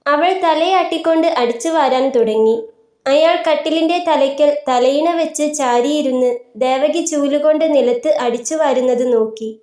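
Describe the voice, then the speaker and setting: High-voiced woman reading a story aloud. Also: moderate pace, warm tone. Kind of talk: scripted narration of a literary story. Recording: roomy echoey room.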